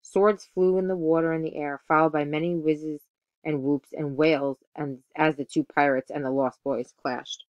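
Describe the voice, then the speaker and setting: A woman teacher reading a children's story aloud, expressive, now and then correcting a slip. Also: low-pitched, moderate pace, dry recording, dull audio. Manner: expressive, occasional self-corrections.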